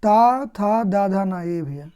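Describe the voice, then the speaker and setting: Slow patient woman teacher. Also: mid-range voice, expressive, warm tone, clean tone. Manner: slow, patient, asks and answers own questions. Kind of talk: grammar lesson.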